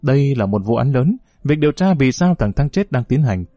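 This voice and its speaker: A man narrates a novel in a steady, measured audiobook reading. His voice is mid-pitched and mellow. The sound is dry and close, with faint music underneath. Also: no room sound.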